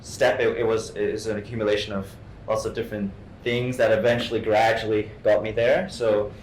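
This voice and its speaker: A young Hong Kong man, a guest actor, chats casually in an interview with a lowish voice, a flat delivery and a slightly fast pace. He frequently stumbles, repeating words before moving on. The room sounds echoey, with faint noise underneath.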